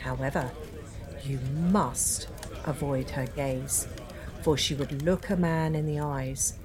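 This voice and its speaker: A woman co-hosting a podcast who narrates ghostly folk tales in a slow, measured, dramatic way. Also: very deep voice, steady tone, crowd noise. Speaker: podcast co-host and storyteller. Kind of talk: fireside storytelling narration.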